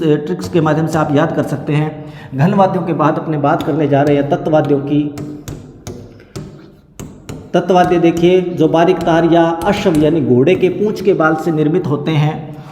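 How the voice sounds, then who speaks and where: A man teaching an exam-prep lesson. He repeats a memory-trick story slowly and explains each word. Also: high voice. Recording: echoey room with long reverb.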